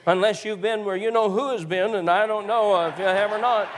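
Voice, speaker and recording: Folksy preacher man, higher voice. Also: steady tone, fairly quick, noisy background. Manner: folksy, swings to shouted exhortation. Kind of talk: sermon with storytelling.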